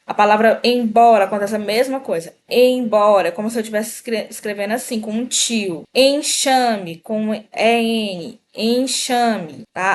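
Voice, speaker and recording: A woman teaching a Portuguese grammar lesson, slowly pronouncing example words and speaking directly to the viewer. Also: a little high, a little hiss or hum. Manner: slow, deliberate pronunciation of example words; explanatory, addresses viewer directly.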